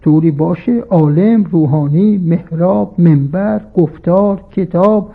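Gravelly high-voiced preacher on tinny radio. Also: male voice. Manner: formal, quotes Arabic scripture and verse. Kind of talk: sermon. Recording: tinny phone-like radio broadcast.

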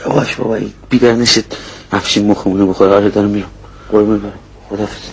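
An actor in a TV drama playing an easygoing young man who trades quick, casual banter with neighbors. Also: fairly low pitch, steady tone, slightly rough, low-quality recording. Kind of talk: TV drama dialogue.

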